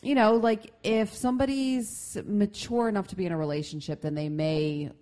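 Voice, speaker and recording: A young woman co-hosting a casual podcast, relaxed and slangy, her throat a little hoarse. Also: mid-range voice, moderate pace. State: slightly hoarse, coughing. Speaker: podcast co-host. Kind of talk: casual chat.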